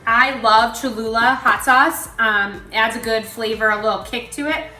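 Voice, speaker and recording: A woman's voice: a little high, moderate pace, sharp tone. A woman joining a cooking show as a guest, cheerfully commenting while she tastes the food. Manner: cheerful, playful tasting comments. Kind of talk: casual cooking demonstration. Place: kitchen. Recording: echoey room, background music.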